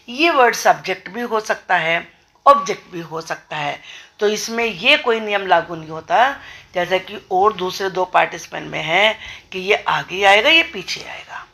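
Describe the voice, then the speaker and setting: A woman from India gives a grammar lesson at a very unhurried pace. Her voice is bright and clear, and she works through one example after another, repeating key words as she goes. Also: on the low side. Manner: slow, deliberate explaining with repeated examples. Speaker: English grammar teacher. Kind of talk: grammar lesson explained in Hindi.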